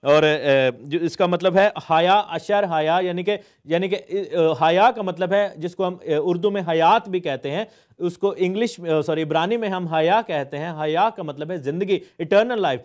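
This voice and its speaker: A man's voice: high-pitched, unhurried. A man, a pastor teaching a sermon, explaining word meanings with frequent hesitations and English phrases mixed in.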